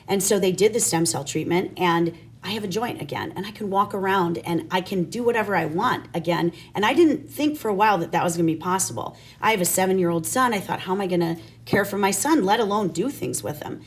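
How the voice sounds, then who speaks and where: A woman's voice: mid-range voice, fast talker, hardly any pauses, a little hiss or hum. A woman guest telling an emphatic, anecdotal personal testimonial in an interview.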